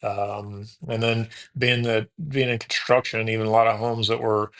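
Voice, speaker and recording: A man's voice: on the low side, flat delivery, normal speed, fairly bright tone. A man in his late forties from Houston, a podcast host telling his story in a casual, rambling way, often correcting himself and saying "man" and "dude". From Houston, USA. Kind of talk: casual storytelling interview answers.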